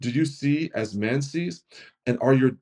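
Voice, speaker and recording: A man's voice: mid-range voice, animated, a little slow, dark tone. A man, a pastor, reading scripture aloud with earnest delivery, often stumbling and correcting himself.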